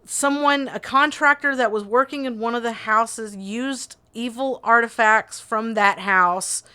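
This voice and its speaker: A woman's voice: fairly high pitch, a little slow, pushed and bright, clear, resonant tone. A woman co-hosting a podcast, recapping a film plot in a chatty, wry way. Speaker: podcast co-host. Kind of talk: casual movie recap chat.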